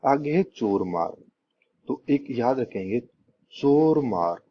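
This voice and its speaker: A man's voice: mid-range voice, lively intonation, slow pace. A young man, teaching an exam-prep lesson with memory tricks, repeating points and asking rhetorical questions before answering them. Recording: dull lo-fi recording with faint noise.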